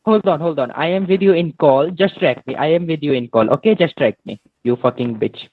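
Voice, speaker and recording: A man's voice: on the high side, brisk. A man with an Indian accent arguing on a phone call, cursing and taunting, repeating himself over and over. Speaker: phone scammer. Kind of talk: heated phone argument. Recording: tinny phone line.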